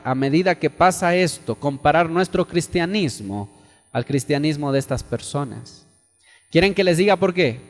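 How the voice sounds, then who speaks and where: A man's voice: fairly high pitch, long reverb tail. A man preaching a sermon as pastor, emphatic, repeating phrases and putting questions to his congregation. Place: church hall.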